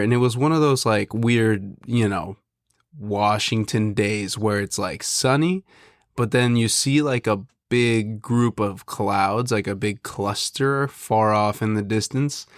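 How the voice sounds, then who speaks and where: A young man with a fairly low, stuffed-up nasal voice chats slowly and loosely, drifting from one thought to the next. He hosts a podcast, and his voice sounds close and dry with no room around it. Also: no echo. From Pacific Northwest. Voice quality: nasal from allergies. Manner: relaxed, rambling, drawn-out delivery. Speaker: podcast host. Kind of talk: casual podcast chat.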